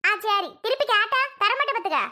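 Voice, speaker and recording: A spoiled little girl in a cartoon, voiced by a woman, bossy and quick to mock. Her voice sits very high and sounds sharp and bright. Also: expressive, heavily acted. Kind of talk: cartoon voice acting.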